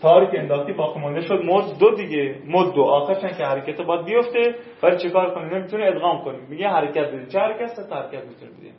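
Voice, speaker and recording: A man's voice: on the high side, lively intonation, hardly any pauses. Man teaching a grammar class. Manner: drills conjugations, quizzing students. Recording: dull, roomy classroom recording.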